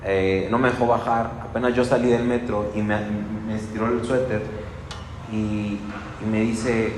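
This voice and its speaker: A man with a Mexican accent giving a relaxed, conversational sermon, telling personal stories with frequent restarts and asides. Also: on the low side, measured pace. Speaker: pastor. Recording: echoey hall, faint background noise.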